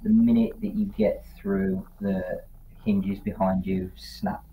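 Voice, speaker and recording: Through tinny voice-chat audio with a little background noise, a deep-voiced man runs a tabletop game as game master. He speaks slowly with little pitch movement, laying out scenes steadily and dropping in fillers.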